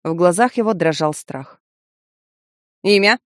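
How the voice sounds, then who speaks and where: A woman narrating a dark fantasy audiobook in a vivid, tense storytelling manner. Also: fairly low pitch, moderate pace, no room sound, clean studio sound.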